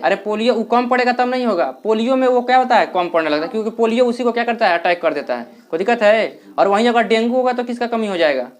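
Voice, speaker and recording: A man's voice: extremely high pitch, fast, hardly any pauses. A male teacher giving a classroom lecture, asking questions and answering them himself, with regional dialect words in his Hindi.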